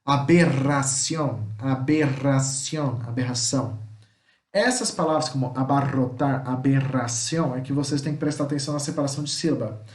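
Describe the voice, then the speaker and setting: A Brazilian man teaching Spanish vocabulary to students. He speaks Portuguese, repeats each word slowly and keeps checking in with "tá?". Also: medium pitch, a little mellow, echoey room. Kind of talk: recorded vocabulary lesson.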